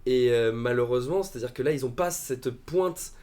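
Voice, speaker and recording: Male football pundit, mid-pitched, halting delivery full of "euh", live-stream chat. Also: darkish tone. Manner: hesitant, many fillers and restarts. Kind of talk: casual live-stream discussion.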